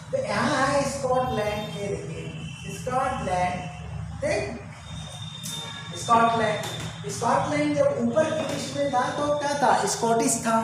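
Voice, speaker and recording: A man teaching a grammar lesson, asking short questions and answering them himself, repeating each answer. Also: very high-pitched. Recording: echoey room, distant mic, background noise.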